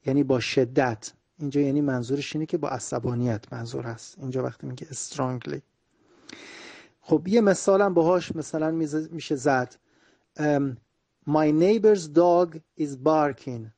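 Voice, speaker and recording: A man whose first language is Persian teaching everyday English phrases, saying each phrase slowly and then explaining it quickly in Persian. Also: medium pitch, mellow.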